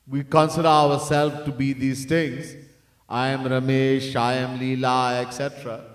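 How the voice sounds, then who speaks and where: In a temple hall, a man of medium pitch teaches as a swami in a devotional discourse, unhurried and flat in delivery. He earnestly repeats his key points and sometimes breaks into sung chanting of verses, captured by a distant mic in an echoey room.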